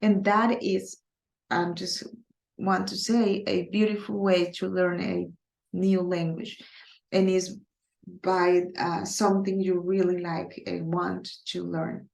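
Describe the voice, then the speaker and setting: A Colombian woman, a native Spanish speaker with a Colombian accent, teaches a casual recorded online Spanish class in English, speaking deliberately slowly with frequent hesitations and fillers. Her voice is lowish, flat, creaky and a little mellow, and the room sounds echoey.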